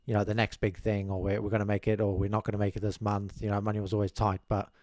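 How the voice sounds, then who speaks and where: A young man from South Africa, appearing as a podcast guest, speaks in a low-ish, monotone, slightly mellow voice at a quick pace. Modest and rambling, he keeps restarting sentences as he chats casually about his life in an interview. The setting is a small studio room with curtains, with a desk mic on a boom arm and headphones, and there's no echo.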